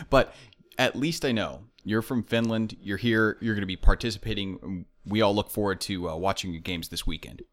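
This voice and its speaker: A man's voice: on the low side, moderate pace, fairly bright tone. Joking man interviewing a player. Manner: joking, self-deprecating. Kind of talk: casual interview.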